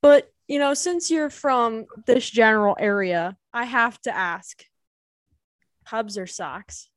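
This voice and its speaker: A woman's voice: on the high side, takes it slowly, no echo. A woman from the Chicago suburbs hosting a casual podcast interview, chatty and teasing, often laughing. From Illinois, Chicago suburbs. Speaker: podcast host.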